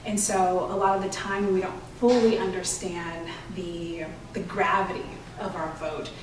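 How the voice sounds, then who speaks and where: A woman with a fairly low, steady voice speaks at a measured pace as a children's book author in an interview, earnestly explaining and promoting her work. She sounds far from the mic, in a roomy echo with faint noise.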